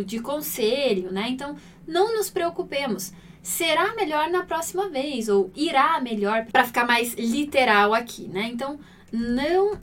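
A woman with a Brazilian Portuguese accent teaching Italian grammar, patient, checking in often and slowing down to spell out examples. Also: fairly high pitch, far from the mic, a little hiss or hum. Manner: slows down to spell out example phrases.

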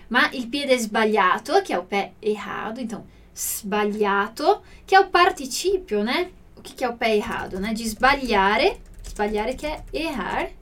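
A woman with as her teaches Italian, explaining a dialogue patiently and reading the Italian lines slowly. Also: a little high, a bit bright, distant mic. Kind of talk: language lesson explaining a dialogue.

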